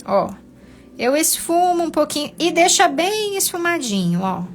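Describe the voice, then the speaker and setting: A middle-aged woman leads a live painting lesson from her home studio. She speaks unhurriedly in a high voice, patient and encouraging, guiding students one small step at a time. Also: big pitch swings, measured pace, music in the background. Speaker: painting teacher.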